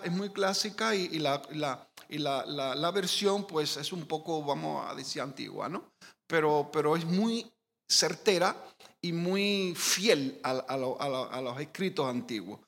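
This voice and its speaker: A man's voice: a little high, gravelly, a bit bright. A man from giving an informal Bible teaching, conversational, with many restarts and tag questions. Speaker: preacher. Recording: long hall reverb.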